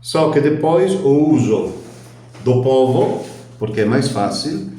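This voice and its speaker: Older guy, unhurried teacher who keeps explaining, very echoey recording. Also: mid-range voice, expressive, warm tone, slight background noise. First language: Italian. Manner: chatty, explains at length, ends points with a questioning tag. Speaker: language teacher. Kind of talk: relaxed spoken lesson. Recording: very echoey room.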